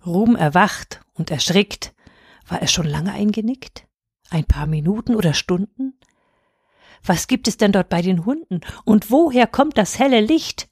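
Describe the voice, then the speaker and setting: A woman reads a rhymed Christmas story in measured verse. Her voice sits at a middle pitch, and the recording is dry and close, with no room sound. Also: dry recording. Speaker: reader.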